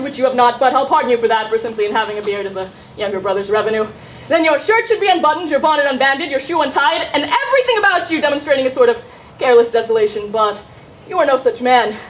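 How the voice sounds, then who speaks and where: Woman acting a high-voiced, hammy, saucy disguised youth. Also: a little hiss or hum, low-quality recording. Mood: mocking, teasing. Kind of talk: Shakespearean stage comedy acting.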